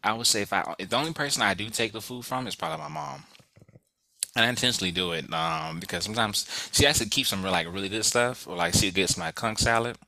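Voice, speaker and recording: A man on a podcast telling a short story in a relaxed, slightly hesitant way. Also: fairly low pitch, fast, creaky, dry recording. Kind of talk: casual chat.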